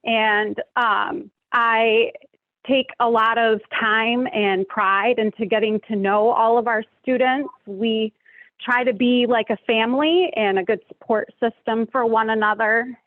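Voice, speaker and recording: A woman's voice: fairly high pitch, steady tone, unhurried, no room sound. A woman speaking as a program assistant in a webinar, friendly and informal. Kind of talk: webinar presentation. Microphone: video call. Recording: dry phone-like audio.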